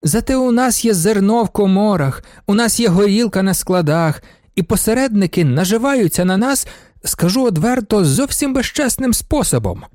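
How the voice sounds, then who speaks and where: A high, whining nobleman complains at length, his voice rising and falling in aggrieved swoops, as a male audiobook reader puts him on. The sound is close and dry, with no room around it. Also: sing-song, moderate pace, darkish tone, no echo. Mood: plaintive. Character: plaintive clean-shaven male nobleman, aggrieved. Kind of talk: audiobook character voice.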